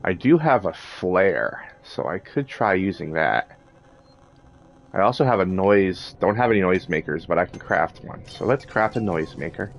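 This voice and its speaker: A man's voice: deep voice, animated, normal speed, vocal fry, slight background noise. A man giving casual video game commentary, thinking aloud in a hesitant way. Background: game music and sound.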